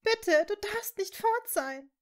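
Lady doing a desperate young witch girl, way higher voice, all sobby and pleading. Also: animated, takes it slowly, heavily acted. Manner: high, sobbing, pleading.

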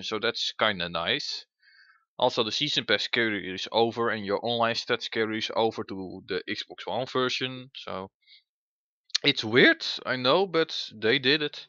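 A man's voice: medium pitch, sharp tone, dry recording. A man giving casual gameplay commentary as the host, plain-spoken and given to mild swearing. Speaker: gaming host. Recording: dull, band-limited mic over music.

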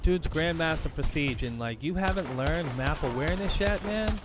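A man's voice: fairly high pitch, expressive, moderate pace, noisy background. A man giving gameplay commentary, ranting in an exasperated, profane way about other players. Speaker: gaming video creator. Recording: voice over loud game gunfire. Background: game gunfire and clicks.

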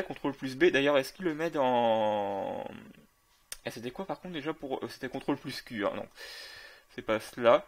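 Here a gaming creator chats through a play session with a medium pitch and a fairly bright tone. He keeps stumbling into fillers and revising what he's just said.

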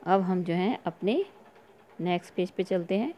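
A woman teaching a recorded online class to young children, reading words slowly and clearly for them to repeat. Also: lowish voice, dark tone. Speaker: school teacher.

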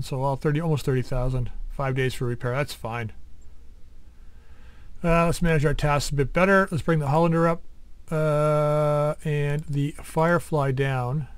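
A man's voice: a little high, clear, resonant tone, no echo. A man giving casual commentary over a strategy game, thinking aloud as he sorts through menus. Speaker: let's play host.

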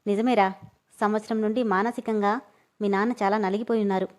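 A woman voicing a playful young brother-in-law who jokes, speaking a little lower and quicker. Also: fairly even intonation, lightly acted. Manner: playful, joking.

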